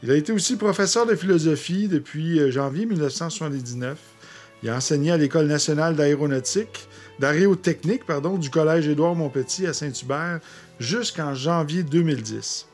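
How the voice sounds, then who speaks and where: Measured co-host, slightly high. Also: male voice, faint music behind. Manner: calm, reads a guest's CV carefully.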